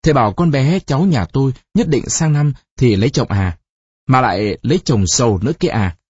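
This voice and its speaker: Casting: narrator doing a stern old village teacher, gruff and scolding, dry husky sound. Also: mid-range voice, lively intonation, a little fast, darkish tone, dry recording, highs cut off. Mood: weary. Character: stern older village scholar father.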